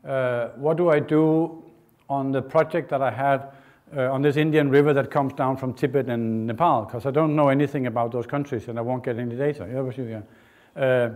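A middle-aged man from Denmark, giving a university lecture in an informal, halting way with many fillers and restarts. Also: mid-range voice, a little mellow. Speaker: guest lecturer. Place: lecture hall, indoors.

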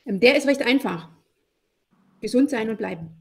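Gravelly-voiced woman in her forties on a video call. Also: on the high side, lively intonation, normal speed. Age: 40s. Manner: reflective, many fillers, frequent "ne?". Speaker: podcast guest, lawyer and networking expert. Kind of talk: casual conversational interview. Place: home room with shelves.

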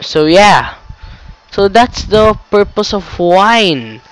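Speaking extremely slowly in a high, fairly bright voice with lively intonation, a teenage boy with a cold walks through computer steps for a casual screen-recorded tutorial. He rambles, self-corrects, and swears casually from an indoor room at his computer, with no echo on the audio.

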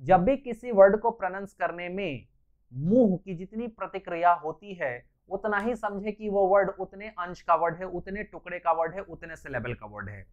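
A man's voice: high voice, animated, moderate pace. A male English teacher giving a classroom lecture, patiently explaining and spelling out words letter by letter. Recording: slightly dull lo-fi recording.

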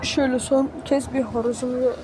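A woman's voice: high-pitched, level tone, a little fast. A woman chatting casually to her viewers from a chicken coop, talking to them like friends and bluntly scolding the animals around her. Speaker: vlogger. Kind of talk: casual vlog chat. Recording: loud farmyard noise with clucking birds.

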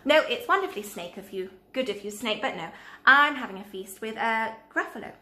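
Cocky little storybook mouse, bright and brisk, read by a woman, roomy echo. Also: fairly high pitch, animated. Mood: cheeky. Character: small clever boastful male mouse. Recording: echoey room.

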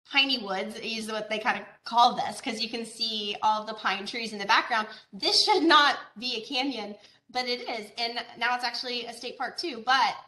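A woman's voice: on the high side, sharp tone, echoey room. A woman from Georgia giving an online presentation as an agricultural educator, talking conversationally with fillers and rhetorical questions over a video call. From Georgia, USA.

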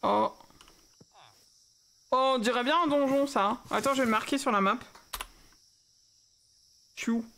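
A young woman talks excitedly through a game livestream, cooing at her pets and chatting with viewers. Her voice sits a little high. A faint hiss runs under the recording. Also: unhurried, vocal fry, pauses often. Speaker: streamer. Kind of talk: casual Minecraft livestream commentary.

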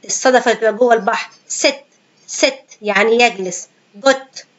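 Egyptian woman teaching pronunciation, patient. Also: a little high. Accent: Egyptian Arabic. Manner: repeats each example word slowly and patiently; asks questions and answers them herself. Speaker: English teacher. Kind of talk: pronunciation lesson. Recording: dull lo-fi sound.

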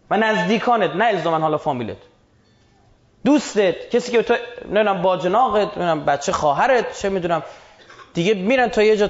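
Male lecturer with a high voice delivering an emphatic, conversational religious talk; muffled lo-fi sound. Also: echoey room. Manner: emphatic, colloquial, with rhetorical questions.

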